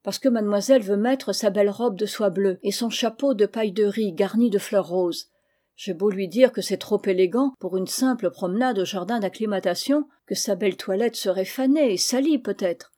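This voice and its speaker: A deferential, put-upon nursemaid, polite but worn out, as a woman reader voices her. Her tone is mellow and plain, like a servant in a storybook reading. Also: medium pitch, moderate pace, close to an everyday voice. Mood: exasperated. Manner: deferential and exasperated. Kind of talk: audiobook reading of a classic novel.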